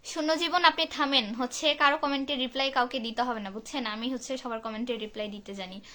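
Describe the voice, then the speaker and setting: A woman's voice: high-pitched, steady tone, fast, pushed and bright. A woman from Bangladesh, hosting a live stream and chattily reading out and answering viewers' comments. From Santahar, northern Bangladesh. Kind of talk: casual live-stream chat.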